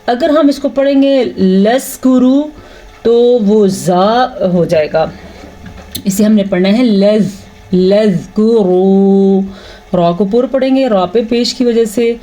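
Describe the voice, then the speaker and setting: A woman teaching Quran recitation rules, explaining patiently, often checking understanding and breaking into slow, drawn-out recitation to demonstrate. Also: a little high, lively intonation, dark tone. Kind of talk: explanatory tajweed lesson.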